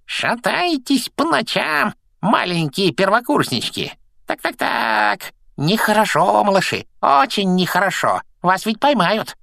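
Casting: shrill, spiteful poltergeist, cackling, very high, drawn-out screech. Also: male voice, very animated, gravelly, sharp tone, no room sound, clean studio sound, heavily acted. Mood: gleeful teasing. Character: shrill mischievous male poltergeist, gleeful and spiteful. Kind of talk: audiobook reading.

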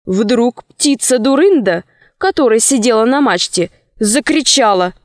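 A woman reads a children's story aloud in a calm, measured way. Her voice is slightly high and unhurried, recorded close and dry with no room sound. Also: no room sound. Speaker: narrator. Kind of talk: audiobook storytelling.

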